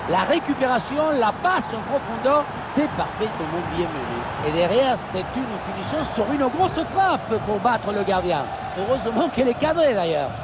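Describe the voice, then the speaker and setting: A man's voice: sits high, big pitch swings, moderate pace, hardly any pauses, heavy background noise. An actor playing an admiring male football co-commentator, explaining replays in sports commentary.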